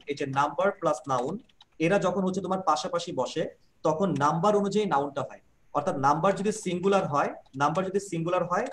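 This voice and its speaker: A man leads an online grammar class over a video call, explaining patiently and repeating each point. His voice sits a little high and he talks fast. He keeps asking whether his students follow. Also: fairly bright tone, slight background noise. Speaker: English grammar teacher.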